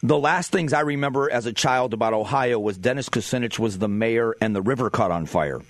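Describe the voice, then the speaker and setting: A middle-pitched male talk radio host in his forties, speaking into a studio microphone with a firm, emphatic delivery. The sound is close and dry, with no room echo at all. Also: fairly quick. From Southwest Florida, USA. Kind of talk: opinionated radio monologue.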